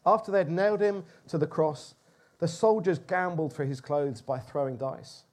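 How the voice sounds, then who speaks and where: Male preacher, high-pitched, expressive sermon storytelling. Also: moderate pace. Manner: expressive, animated, with rising emphasis.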